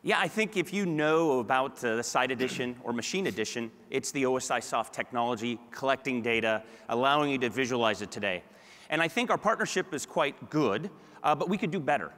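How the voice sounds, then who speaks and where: Middle-aged male executive, conversational stage talk, mid-pitched, long hall reverb. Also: expressive, fairly quick, a bit bright. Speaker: guest sales executive. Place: large conference stage indoors. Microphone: clip-on lapel mic.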